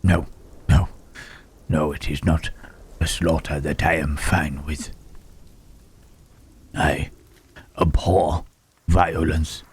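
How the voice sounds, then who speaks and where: A man playing Frankenstein's monster in an ASMR roleplay, a gentle, melancholy reanimated creature who speaks in a hushed, halting, formal way. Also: rumbling low, little pitch movement, slight background noise. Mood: tender, earnest.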